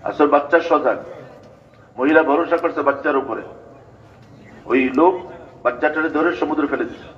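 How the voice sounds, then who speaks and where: A man's voice: on the high side, moderate pace, pauses often. Older man preaching, dull lo-fi sound. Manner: storytelling preaching with chanted invocations. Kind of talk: sermon. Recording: dull lo-fi recording.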